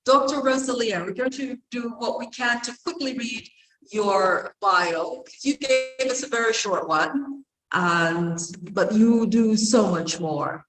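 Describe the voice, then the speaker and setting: A woman's voice: fairly high pitch, slow, over music. A woman co-chairing a forum over a video call, speaking graciously and formally while reading a guest's bio. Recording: echoey room over a call.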